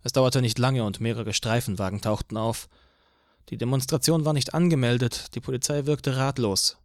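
A man narrates an audiobook in a steady, even storytelling manner. His pitch sits in a middle range for a man. The recording is dry and close, with no room echo. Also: normal speed. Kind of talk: scripted narration.

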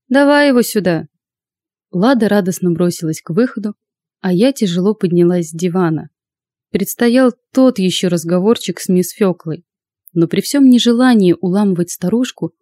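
Mellow-voiced woman reading a story. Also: mid-range voice, dry recording. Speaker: audiobook narrator. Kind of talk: first-person fiction narration.

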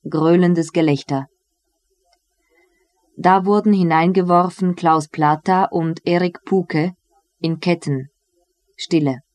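A reader giving a measured, deliberate reading of a novel as an audiobook. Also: mid-range voice, fairly even intonation, a little mellow, no echo.

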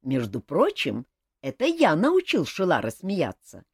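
A woman's voice: low-pitched, wildly swooping pitch, a little slow, husky, dry recording, studio quality, exaggerated voice. Woman doing a grumbling hot-tempered prince. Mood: blustering. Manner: grumbling, blustering. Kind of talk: audiobook character voice.

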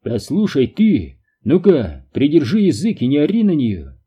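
A hot-tempered, protective father, as a male reader puts him on shouts in fury, his husky voice leaping in pitch. The tone stays dark. The audiobook recording sounds dull and lo-fi. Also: huge pitch swings, moderate pace, full character voice. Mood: furious. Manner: shouting, furious.

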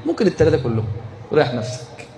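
Man, Egyptian accent, religious lecturer, animated, joking, questions the audience, slightly high voice, faint background noise. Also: rapid-fire. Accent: Egyptian Arabic. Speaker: religious teacher. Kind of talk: lively religious lecture to a live group.

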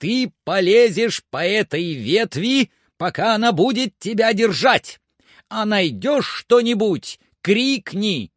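A man reading aloud and voicing an agitated, excitable man who shouts orders from below in a shrill, frantic voice. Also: takes it slowly, no echo, studio quality.

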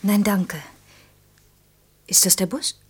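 A breathy, husky, medium-pitched voice with fairly even intonation belongs to an actress playing a gentle, pensive, gravely earnest woman who tells a fairy tale in an intimate German radio play. She sounds subdued and apologetic, narrating in a hushed, slow, lyrical way that nears a whisper.

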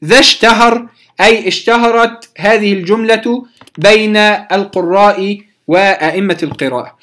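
A woman teaching a Quran recitation lesson, speaking deliberately and repeating letter sounds slowly to demonstrate them to her students. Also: medium pitch, fairly bright tone. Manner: addresses students directly, checks understanding. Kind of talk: tajweed lesson explaining a poem.

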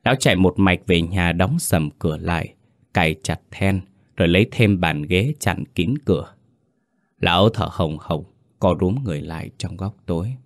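Low-voiced guy telling a ghost story slow and dramatic, dry close mic, faint music under it. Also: no echo. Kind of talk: scripted horror narration.

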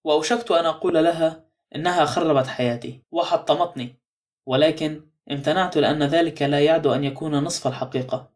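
A man narrating a novel in the first person as an audiobook, in a steady storytelling manner. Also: on the high side, quick pace.

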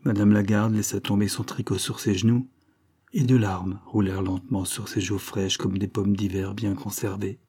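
A man narrating a classic novel in a calm, measured audiobook reading. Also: fairly low pitch, husky. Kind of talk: scripted literary narration.

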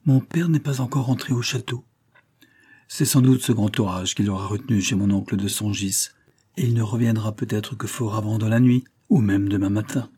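A man reading aloud and voicing a lively, coaxing seventeen-year-old noblewoman in a raised, light tone. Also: lowish voice, moderate pace, breathy edge.

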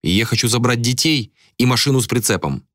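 A man voicing a stern young male ruler who gives firm, hushed commands in an audiobook. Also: mid-range voice, lively intonation, brisk, no echo, studio quality, pitched above the performer's own voice, close to an everyday voice.

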